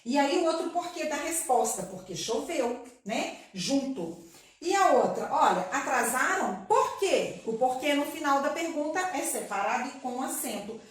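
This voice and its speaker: Woman, Brazilian accent, teacher, high lively voice, very echoey room. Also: moderate pace, distant mic. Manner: patient, asks the class questions and answers them. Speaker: primary school teacher. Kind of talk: recorded online class.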